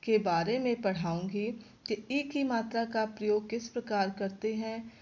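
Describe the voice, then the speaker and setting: A female class teacher, giving a slow lesson to young pupils and repeating sounds and words clearly. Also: fairly high pitch, a little mellow. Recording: dull lo-fi recording.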